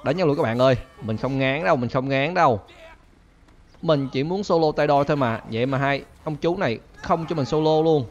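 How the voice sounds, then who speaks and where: Young male gaming host, higher-pitched, excitable let's-play chatter over a dull lo-fi recording. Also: fairly quick. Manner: chatty, laughing, frequent excited yelps.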